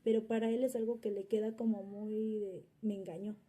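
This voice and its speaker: A woman with a fairly high, mellow voice talks a little fast in a flat delivery. She's the mother of the interviewee's subject child, answering interview questions casually and ramblingly, with lots of fillers and restarts.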